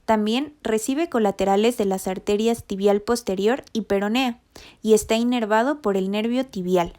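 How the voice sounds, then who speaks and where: Mellow woman reading anatomy lessons. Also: medium pitch, normal speed. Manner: even, methodical reading of anatomy terms. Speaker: rehabilitation instructor. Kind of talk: scripted educational narration.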